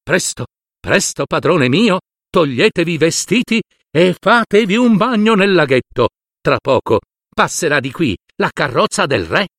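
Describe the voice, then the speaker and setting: A man's voice: a little high, measured pace, no room sound, clean studio sound, heavily acted. A man voicing a cunning male cat in boots from a fairy tale, speaking in a courtly, persuasive way. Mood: urgent. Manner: courtly and persuasive, bowing and flattering.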